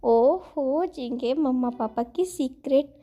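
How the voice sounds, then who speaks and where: Girl doing a soft teasing young guy, kinda high and mellow. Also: slow pace. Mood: fond teasing. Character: young man, gentle teasing uncle figure.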